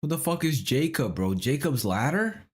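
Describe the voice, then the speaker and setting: Young guy streamer mumbling puzzle guesses, swears a lot, mid pitch, talks to chat. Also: sing-song, moderate pace, slightly rough. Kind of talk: casual stream chat, thinking aloud over a word puzzle.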